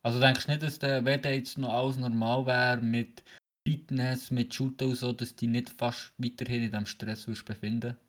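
Teen guy w braces, swiss german accent, casual podcast chat, kinda halting and rambly. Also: medium pitch, flat delivery. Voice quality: talking with new braces, slightly hampered articulation. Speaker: podcast host.

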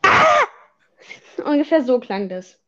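A woman's voice: high voice, expressive, measured pace, darkish tone, lo-fi sound. A young woman hosting a casual podcast chat, teasing and exclaiming in slangy talk. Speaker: podcast host. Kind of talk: casual chat while gaming.

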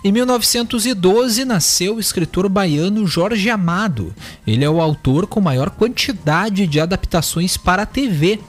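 A man presenting on a radio show, reading out facts steadily and dropping small fillers between phrases. His voice sits a little high. Faint music plays under the talk. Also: normal speed, hardly any pauses. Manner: steady, fills with "né" and "aí". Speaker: radio show host reading history notes. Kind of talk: casual radio chat with read-out facts. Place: radio newsroom studio.

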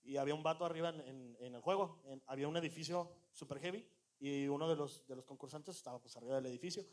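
Animated young Mexican man telling a story. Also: fairly high pitch, quick pace. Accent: Mexican Spanish. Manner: animated, slangy, acts out quoted voices. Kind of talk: casual storytelling among friends.

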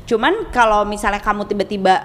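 A woman co-hosting a casual podcast chat, telling travel stories in a chatty, animated way. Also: mid-range voice, fast talker, long reverb tail. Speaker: podcast co-host.

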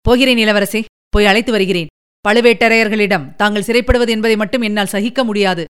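A woman's voice: medium pitch, steady tone, fairly quick, clean tone, close to an everyday voice. A woman voicing a loyal, spirited young male warrior who speaks earnestly and emphatically.

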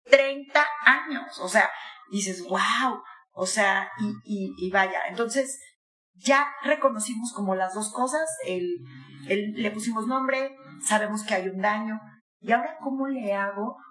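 Older woman guest, lively advice talk, bright higher voice, echoey room. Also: a little slow. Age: 60s. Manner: animated, acts out quoted voices.

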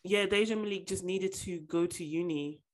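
A woman's voice: lowish voice, brisk, slight background noise. A British woman hosting a casual podcast discussion. She speaks in slangy, informal phrases and states her opinions plainly. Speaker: podcast host. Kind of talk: casual chat.

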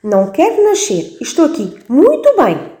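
A woman voicing a stubborn, cheeky unborn baby in a high sing-song voice. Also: wildly swooping pitch, normal speed, dark tone. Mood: stubborn, playful. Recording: roomy echo.

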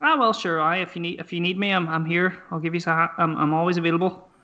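Donegal irish guy on a podcast, highish bright voice, casual sweary banter. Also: quick pace, lo-fi sound. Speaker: podcast guest.

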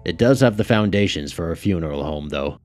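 A man's voice: deep voice, lively intonation, brisk, a little mellow, soft background music. A man voicing an earnest husband and family man in an audiobook.

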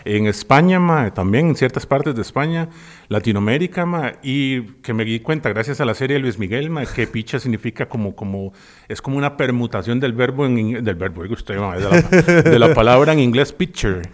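Costa Rican male guest, 40s, rambling slangy podcast talk, quick to laugh. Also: mid-range voice, animated. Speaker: guest musician. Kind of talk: casual podcast chat.

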